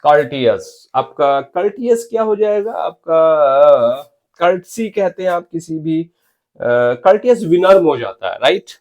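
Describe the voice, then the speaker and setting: A man's voice: a little high, lively intonation, measured pace, darkish tone. A man teaching English spelling for exams, spelling words letter by letter and urging viewers to comment. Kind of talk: exam-prep spelling lecture.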